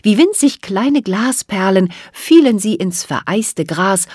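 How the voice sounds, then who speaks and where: A woman's voice: mid-range voice, expressive, slow pace, darkish tone, husky, no echo, studio quality. A woman narrating a children's fairy story aloud in a vivid, dramatic reading. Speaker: audiobook narrator.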